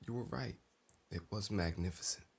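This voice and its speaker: A lowish, gravelly, husky male voice belongs to an actor portraying an estranged brother, a killer both tormented and resigned, in a stage play. The mood is subdued, and his speech comes slow, halting, and haunted.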